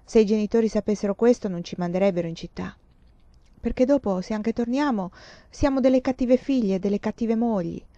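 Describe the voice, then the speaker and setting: A woman's voice: mid-range voice, fairly quick, warm tone, no room sound, lightly acted. A woman voicing a mature, ambitious woman writer who speaks in intense, rueful bursts, on a dull lo-fi recording. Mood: bitter.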